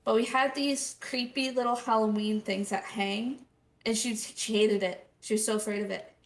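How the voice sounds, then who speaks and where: A woman's voice: on the high side, steady tone, moderate pace. Woman on a podcast, blunt, swears, sounds a bit far from the mic. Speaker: podcast co-host. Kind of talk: casual chat.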